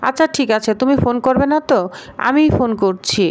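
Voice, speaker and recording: An indignant company owner demands answers in an irritated tone, read by a woman narrator. The voice stays high, in a read-aloud story recap. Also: brisk, lightly acted.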